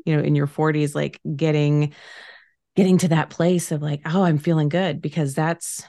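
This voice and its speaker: A woman in her late thirties, a podcast host, talking in a casual, affirming way, slowly drawing out her phrases with fillers. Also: low voice, fairly even intonation, mellow, no room sound, clean studio sound. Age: late 30s. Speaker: podcast host, financial planner. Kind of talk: casual conversation.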